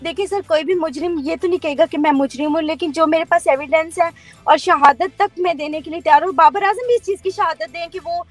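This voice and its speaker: A woman's voice: extremely high pitch, fairly quick, soft background music. A woman in her thirties with a Pakistani Urdu accent, giving an earnest, firm account as an interviewee on a call and mixing in English words.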